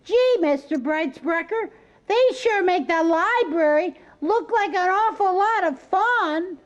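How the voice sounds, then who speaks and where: Tiny teddy bear puppet, very high and very slow, eager, in an echoey room with faint music. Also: animated, lo-fi sound, full character voice. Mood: impressed. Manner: eager, wide-eyed.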